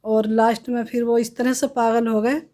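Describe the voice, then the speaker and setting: Woman, slightly high pitch, personal testimony, halting retelling. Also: little pitch movement, warm tone. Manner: plain, halting retelling with many restarts. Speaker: testimony giver.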